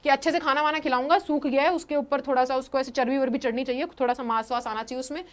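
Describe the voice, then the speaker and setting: Young woman, English teacher, high pitch, animated storytelling lesson. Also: fast talker. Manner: lively storyteller, switching into acted quotes.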